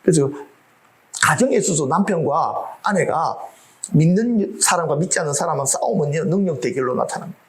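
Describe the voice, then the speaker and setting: A man's voice: a little high, animated, a little fast. A middle-aged man preaching a sermon as pastor, humorous and full of rhetorical questions.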